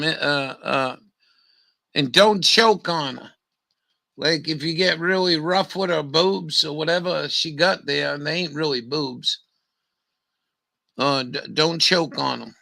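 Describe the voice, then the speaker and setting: A man's voice: on the high side, slow pace, creaky, sharp tone, poor audio. A man with a Maine accent, hosting a livestream in crude, joking, rambling chat and mockingly reading things aloud. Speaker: livestream host.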